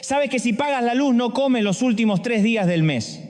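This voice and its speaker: A man preaching a sermon, firing rhetorical questions and swinging between loud and hushed delivery. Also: extremely high pitch, lively intonation, moderate pace, big-room sound, faint music behind.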